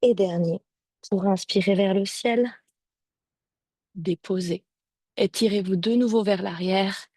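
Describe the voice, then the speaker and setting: A woman yoga teacher giving calm step-by-step cues and breath counts to a class over a video call. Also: medium pitch, takes it slowly, long pauses, no echo. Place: home or studio, streamed on a video call. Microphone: video call microphone.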